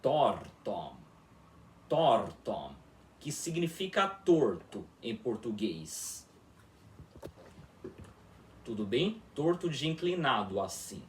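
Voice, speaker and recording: A man teaching a formal video lesson on an invented language, repeating words slowly and often checking that listeners follow along. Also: mid-range voice, sing-song, slight background noise. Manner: slow, repetitive, checks in with listeners constantly. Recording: echoey room, voice from far off.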